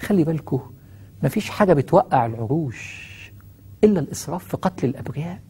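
Man, Egyptian accent, preacher, husky voice, quick delivery, rhetorical questions. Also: on the high side. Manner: animated, rhetorical questions to listeners. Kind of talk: sermon on Quranic verses.

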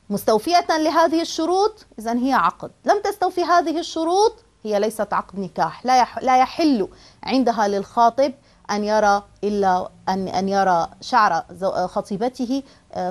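A woman teaching a religious lesson. She explains in an earnest way and often restarts a phrase. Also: mid-range voice.

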